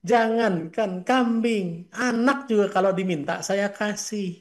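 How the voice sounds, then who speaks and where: A man's voice: high voice, unhurried. A man in his forties, an Islamic preacher in casual talk, telling stories earnestly with quoted dialogue.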